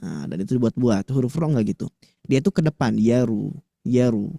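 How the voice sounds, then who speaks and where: A man teaching Quran recitation to women in a lively, chatty way, slowly demonstrating letter sounds. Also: mid-range voice, creaky, dry recording, studio quality. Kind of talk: tajwid lesson to women listeners.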